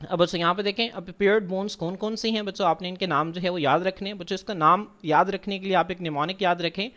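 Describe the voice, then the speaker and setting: A man's voice: sits high, steady tone, fast, a bit bright. A man teaching biology over slides, patiently repeating points, asking and answering his own questions, and mixing in English terms. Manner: patient, repeats points, addresses students as children; mixes English science terms into speech. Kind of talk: classroom lecture over slides.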